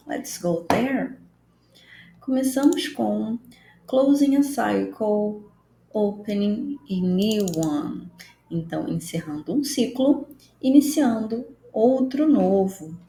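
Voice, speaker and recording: Woman, English teacher, online lesson, patient explaining, unhurried, faint background hiss. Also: medium pitch, gravelly, mellow. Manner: patient, explanatory, repeats key phrases slowly. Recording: roomy echo, faint background noise.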